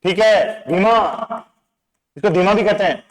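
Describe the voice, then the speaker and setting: A man teaching an exam-prep lesson, playful and asking quick quizzing questions over and over. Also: high voice, rough recording. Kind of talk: exam-prep lecture with memory tricks.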